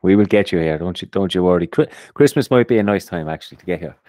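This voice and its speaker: Male host, very low register, easygoing chat with restarts, dry. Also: fast talker, no room sound. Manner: relaxed, often repeats his first words. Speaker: podcast host. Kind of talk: casual investing chat.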